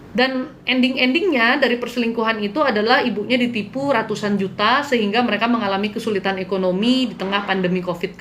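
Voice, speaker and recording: A woman's voice: a little high, fairly bright tone, a little hiss or hum. A woman hosting a live stream as a spiritual healer, telling a client's story in a casual style, earnest and candid, sometimes pleading with viewers.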